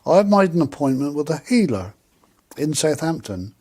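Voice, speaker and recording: A man's voice: on the high side, very animated, moderate pace, a little mellow. A man voicing his ailing friend in a spoken story, plain and resigned. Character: ailing man, a comedian friend, matter-of-fact.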